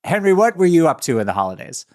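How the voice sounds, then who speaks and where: Lively male podcast host. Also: a little high, fast. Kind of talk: casual hosting chat.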